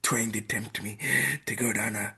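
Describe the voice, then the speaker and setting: A man from Iowa, in the United States, chats casually as a podcast guest, speaking hesitantly with lots of fillers and trailing off. His voice is on the low side and monotone, bright, forceful and slightly rough, at a normal speed.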